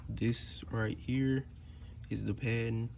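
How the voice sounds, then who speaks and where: This car repair vlogger has a slow, creaky, mid-range voice. He chats in a relaxed way while working on a truck outside, pointing things out in a how-to style, filmed on a noisy phone camera.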